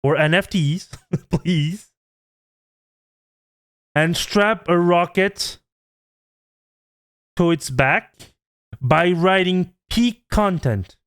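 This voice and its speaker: Man, twenties, host; earnest pleading rant, smooth clear voice, unhurried. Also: high-pitched, a bit bright. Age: 20s. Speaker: channel host. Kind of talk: heartfelt vlog rant.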